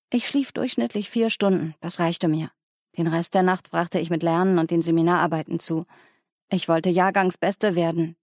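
Low-voiced woman narrating an audiobook. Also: darkish tone, no echo, studio quality. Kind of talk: scripted first-person audiobook narration.

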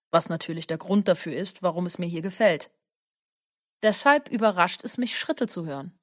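A woman giving a measured first-person audiobook narration. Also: mid-range voice, no room sound, clean studio sound.

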